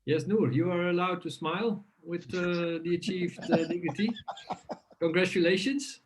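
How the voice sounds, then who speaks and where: Brief: warm man, slightly high voice, unhurried congratulations. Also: background noise. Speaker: committee member. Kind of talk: congratulatory speech on a video call.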